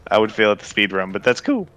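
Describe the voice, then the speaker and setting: A man's voice: lowish voice, very animated, fairly quick, bright, forceful tone, dull audio. A man co-hosting a casual gaming podcast, talking in a laid-back, rambling way and laughing often. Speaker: podcast co-host.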